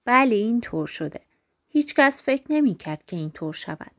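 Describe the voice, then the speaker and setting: A woman's voice: a little high, sing-song. A woman voicing a timid, poor male clerk who pleads anxiously in a storybook reading. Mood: dazed.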